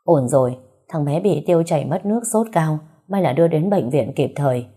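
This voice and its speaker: A woman's voice: low voice, animated, a little fast, dark tone, husky. A woman reading the lines of a matter-of-fact male children's doctor in a storybook, plain and reassuring.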